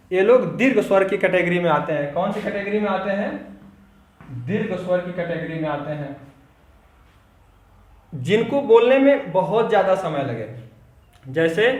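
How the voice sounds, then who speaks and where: Male hindi teacher, classroom lecture, asks and answers his own questions, high voice, echoey room. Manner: repeats key terms slowly while writing on the board.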